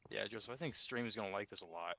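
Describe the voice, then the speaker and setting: A man's voice: on the low side, rapid-fire, vocal fry, sharp tone, slight background noise. A young adult man chatting eagerly, jumping in and swearing now and then. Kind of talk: casual chat.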